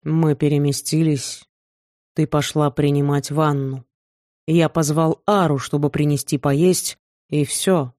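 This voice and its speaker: A tender young snow prince, voiced by a woman reading an audiobook, soothing and protective in a soft, low-key way. His tone is warm and mellow, set against a dry, close sound with no room around it. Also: steady tone, unhurried, no echo. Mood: calm. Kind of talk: audiobook character voice.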